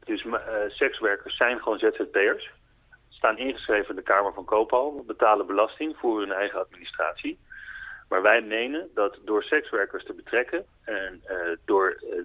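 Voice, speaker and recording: A man's voice: fairly low pitch, normal speed, dry recording. Man, earnest explainer, tinny phone line, dry sound. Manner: earnest, explanatory, patiently clarifying. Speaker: spokesperson for a foundation, interviewee. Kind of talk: radio phone interview. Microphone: telephone.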